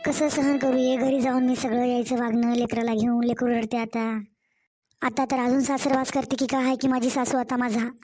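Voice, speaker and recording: A woman's voice: high-pitched, darkish tone, natural voice. A woman voicing a weary young new mother, complaining and pleading to her own mother in a cartoon story.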